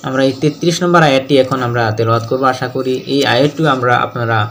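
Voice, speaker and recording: A man teaching Quran reading step by step, spelling out each letter and vowel mark, then reciting the verses slowly and drawn out. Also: medium pitch, fairly bright tone, slight background noise.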